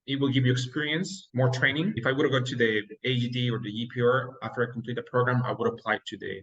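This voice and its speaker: A young Mexican dentist whose first language is Spanish appears as a guest in a casual interview, earnestly explaining his path step by step and giving advice, with occasional laughs. His medium-pitched voice is steady, a bit bright, and fast. The recording sounds muffled.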